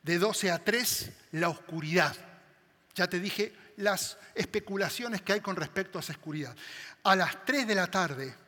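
A man preaching a sermon, swinging dramatically between loud emphasis and hushed tones. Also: sits high, normal speed. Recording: long hall reverb.

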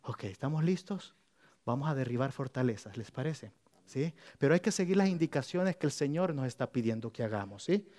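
A man preaching a sermon as pastor, lively and playful, speaking straight to his congregation while leading them on a walk. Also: medium pitch, fairly quick. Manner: lively, addresses the congregation directly, playful asides; leads the congregation walking around the room.

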